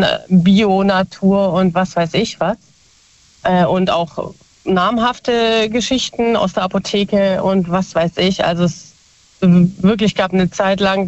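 A woman in her forties, appearing as a guest, chats casually in a mid-range voice, full of fillers and self-corrections. The recording is dull, lo-fi and dry, with no room sound.

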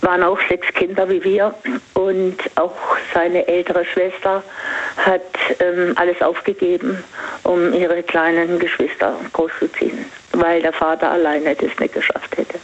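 An older woman calling in, confiding personal matters in halting phrases with pauses. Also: on the low side, little pitch movement. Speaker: caller. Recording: dull phone line.

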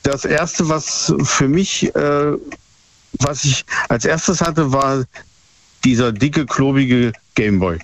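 Ein Mann in seinen Fünfzigern aus der ehemaligen DDR ruft bei einer Radiosendung an und erzählt stockend mit vielen „ähm“. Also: male voice, mid-range voice, takes it slowly. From former East Germany. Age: 50s. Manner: hesitant, many fillers. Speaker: caller. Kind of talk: phone call to radio show. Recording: muffled phone line, faint noise.

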